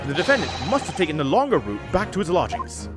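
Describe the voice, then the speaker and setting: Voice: mid-range voice, wildly swooping pitch, fast talker. A game player voicing an earnest young male defence lawyer, speaking formally and firmly in a courtroom game. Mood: assertive. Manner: formal, declarative, polite. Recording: game music behind the voice.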